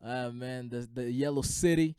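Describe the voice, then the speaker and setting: Young man, from Burundi, guest DJ, relaxed slang, smooth resonant voice, dry close sound. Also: medium pitch, moderate pace, no room sound. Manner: laid-back, slangy, peppers talk with "man" and "you know". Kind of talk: casual podcast interview.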